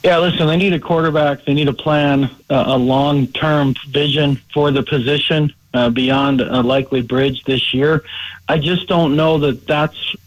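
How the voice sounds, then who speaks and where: A man, a sports insider calling in by phone, giving measured analysis, often hedging with "I mean" and "you know". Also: a little high, fairly even intonation, no room sound, poor audio. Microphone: phone line.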